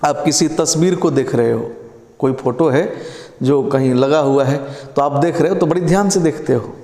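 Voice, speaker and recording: A man teaching a lecture on English words, explaining slowly and often asking whether the class has understood. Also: on the high side, a little mellow. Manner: explains slowly, drawing out example sentences; checks understanding with repeated questions. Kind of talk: online lecture. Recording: echoey room with long reverb.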